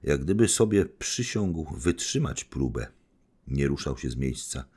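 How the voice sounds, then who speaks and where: A man narrating an audiobook in a measured, dramatic reading style. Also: a bass voice, very animated, darkish tone, breathy edge. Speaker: audiobook reader.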